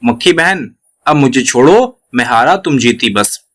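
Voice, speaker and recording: A man reading the lines of a proud, angry male lion from a children's storybook in a gruff, threatening manner. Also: mid-range voice, expressive, unhurried, fairly bright tone, pitched below the performer's own voice. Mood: weary. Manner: gruff threats, later weary surrender.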